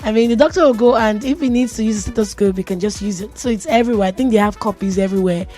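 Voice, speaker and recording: Talking at a racing pace in a mellow, mid-range voice, a Nigerian-accented woman hosts a relaxed tech segment from a radio studio. She chats playfully and laughs a lot, with faint music in the background.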